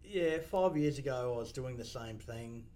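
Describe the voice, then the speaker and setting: An Australian car dealership principal, appearing as a podcast guest, chats reflectively and casually with plenty of ums and restarts. His medium-pitched voice is dark in tone, with lively intonation and a normal pace.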